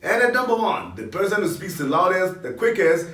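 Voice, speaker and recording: A man putting on the voice of a loud, dramatic male radio DJ, announcing in a booming, theatrical way. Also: animated, brisk. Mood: hyped. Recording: roomy, distant mic.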